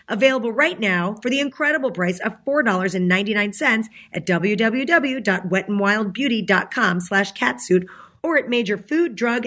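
A woman's voice: mid-range voice, fairly bright tone. A woman reading an advertisement in an upbeat, salesy manner. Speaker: ad reader. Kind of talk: read advertisement.

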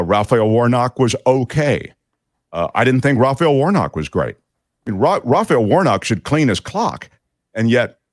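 A man's voice: medium pitch, no room sound, clean studio sound. A man hosting a talk show, giving chatty, digressive political commentary with many fillers.

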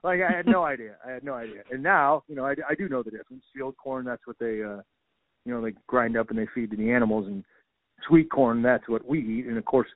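A man's voice: mid-range voice, brisk, no echo. A male comedian from the Midwest, chatting in a rambling, self-deprecating way with lots of restarts, over a phone line. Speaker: stand-up comedian. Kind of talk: casual phone conversation. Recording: dry tinny phone line.

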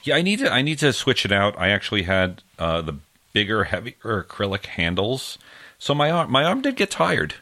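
A man with a very low, deep voice talks casually as a podcast co-host. He rambles, searches for words and trails off often, filling gaps with ums and uhs. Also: sing-song, normal speed, pushed and bright. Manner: rambling, trails off with many fillers. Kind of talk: casual chat.

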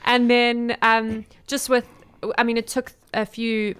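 A woman's voice: on the high side, flat delivery, slow, a bit bright, clean tone. A young woman with a South African accent chatting informally as an interview guest about her own work. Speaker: interview guest, small business owner and designer. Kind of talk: casual interview chat.

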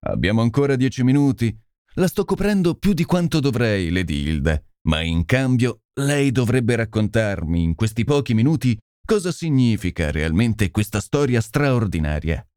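A man voicing a brisk, commanding male detective who gives urgent orders, in an audiobook reading. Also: medium pitch, very animated, a little mellow, clean tone, no room sound, studio quality, lightly acted. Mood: firm. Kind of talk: audiobook character voice.

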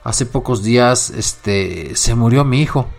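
A man voicing a weary, grieving old sledge driver who speaks in a low murmur. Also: unhurried.

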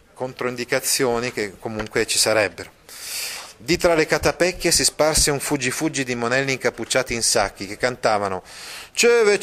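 A man giving a literature lesson, reading passages aloud and explaining them patiently, with many drawn-out fillers. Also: mid-range voice, fairly bright tone. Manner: explains patiently, checks in with listeners. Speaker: literature teacher.

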